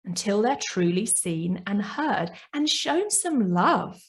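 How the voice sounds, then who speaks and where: A woman talks through a reflective self-help podcast at an unhurried pace. Her voice sits at an ordinary middle pitch. She speaks gently and keeps checking in with her listeners. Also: very animated. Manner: gentle, reflective, often asks "right?". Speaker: podcast host and coach.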